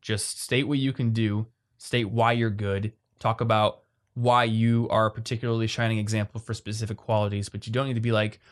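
A man co-hosting a podcast, chatting casually and quickly, reading listener questions aloud. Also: on the low side, little pitch movement. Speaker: podcast co-host.

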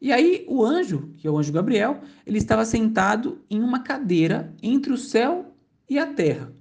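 A woman's voice: mid-range voice, darkish tone. A woman, casually telling a religious story and linking each part with the same repeated phrase.

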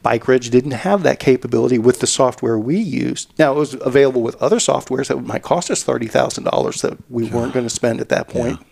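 A man's voice: medium pitch, fairly quick, vocal fry, few pauses, a little mellow. A man who organizes cycling events, chatting casually on a podcast and rambling as he restarts and repeats words.

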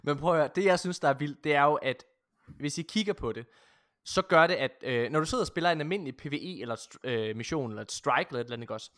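A man in casual gaming chat with friends, excitable and full of fillers and restarts. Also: fairly high pitch.

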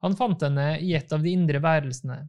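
A man reading a classic novel aloud in calm, measured scripted narration. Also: fairly high pitch, clear, resonant tone, dull audio. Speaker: audiobook reader.

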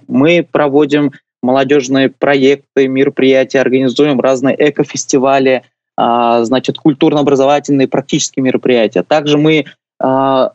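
A man in his late twenties, a guest on a radio show, speaking earnestly with many pauses and fillers. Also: mid-range voice, a little mellow, no echo, muffled recording. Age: 20s. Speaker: guest, youth official. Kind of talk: radio interview.

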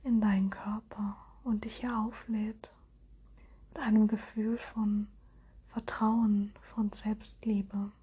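Woman in a slow, soft breathy spa whisper. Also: mid-range voice, little pitch movement, lo-fi sound. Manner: soothing, slow, gentle suggestions. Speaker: hypnosis guide.

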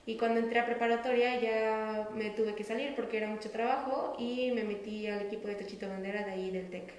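Young woman, Mexican Spanish accent, student interviewee, relaxed, strong room echo. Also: a little high, a little fast. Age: young adult. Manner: relaxed, laughs easily. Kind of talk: casual interview answers. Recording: roomy echo.

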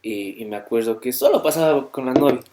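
A man's voice: mid-range voice, a little fast, mellow, a little hiss or hum. A man chatting on a podcast, telling a story with slang and hesitant fillers. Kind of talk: casual chat.

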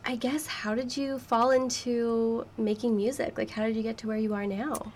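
Woman host, nasal voice, bit high, upbeat studio interviewer. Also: flat delivery, moderate pace, darkish tone, a little hiss or hum. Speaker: podcast host. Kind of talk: casual radio interview. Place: college radio studio. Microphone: studio microphone.

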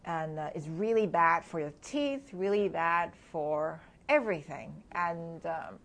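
In her thirties and from Hong Kong, this woman is an interview guest who talks candidly and reflectively, often laughing softly between thoughts. Her voice is lowish and expressive, and she keeps a measured pace.

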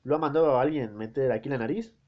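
An Argentine man voicing a fierce, sharp-tongued wife, scolding and accusing, in a slightly muffled recording. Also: medium pitch, quick pace, lightly acted.

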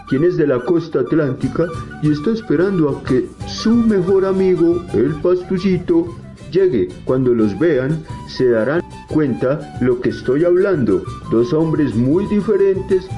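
A man's voice: on the high side, mellow, highs cut off. A man playing a kindly, wise talking tree who teaches children in a folksy, jolly Colombian storytelling style. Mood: warm teaching.

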